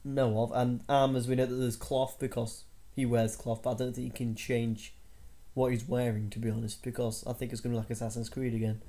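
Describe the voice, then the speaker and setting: A man's voice: medium pitch, flat delivery, fairly quick, hardly any pauses, warm tone. A young man co-hosting a casual gaming news chat, rambling with many fillers and restarts. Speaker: co-host of a gaming news show.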